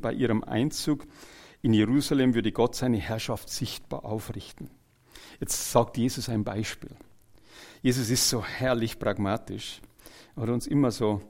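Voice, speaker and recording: Preaching an evangelical sermon, a man with a gravelly, medium-pitched voice swings between loud exclamations and quiet, earnest asides. He jokes with the congregation as he retells scripture in everyday terms.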